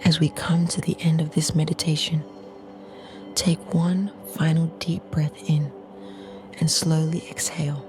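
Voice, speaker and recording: Music plays behind a woman's low voice as she guides a calm grounding meditation. Her delivery is slow and soothing, broken into short, measured phrases, and her tone is soft, breathy, and almost whispered.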